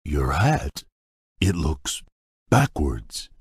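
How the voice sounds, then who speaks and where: The Beast, deep and shy. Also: male voice, sing-song, no room sound, clean studio sound, heavily acted. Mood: gentle. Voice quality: very deep and husky. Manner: gentle, shy, halting and formal. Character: large gentle shy male beast prince. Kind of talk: video game voice lines.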